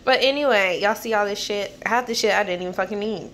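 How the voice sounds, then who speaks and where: A woman's voice: mid-range voice, fast talker, a bit bright, a little hiss or hum. A young woman vlogging casually about her day, in chatty, slangy talk with casual swearing, recorded on a phone camera. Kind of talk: casual vlog chat. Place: home and car.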